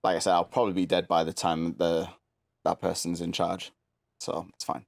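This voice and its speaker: Laid-back man, low voice. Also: flat delivery, normal speed, gravelly. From United Kingdom. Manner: laid-back, rambling, swears casually. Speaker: guest. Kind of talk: casual chat.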